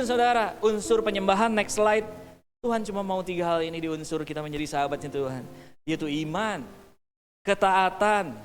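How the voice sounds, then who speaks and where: A male pastor preaching a sermon. He talks in an animated way, acting out rushed family scenes and having the congregation repeat words after him. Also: high-pitched. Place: church hall. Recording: long church reverb.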